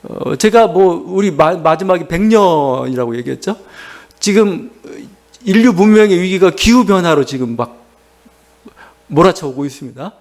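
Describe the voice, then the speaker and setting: A man's voice: high-pitched, lively intonation, normal speed, a little mellow. A man preaching a Sunday sermon as pastor, asking the congregation questions and slipping into paraphrased dialogue. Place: church service.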